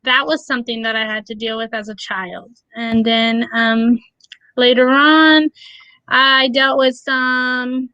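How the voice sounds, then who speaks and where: A bright, high-voiced woman in her thirties, a preschool educator and aspiring life coach, speaks as a guest in a candid personal interview. Born in a Russian-speaking country and adopted to the US at six, she sounds open and reflective with light nervous laughs, her tone steady, clear and resonant at a slow pace. The recording has no room sound but is muffled.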